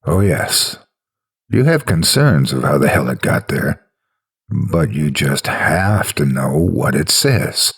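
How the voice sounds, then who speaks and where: A man narrating a scary story in a dramatic, suspenseful style, with a low, haunting, gravelly and husky voice. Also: sing-song, slow pace.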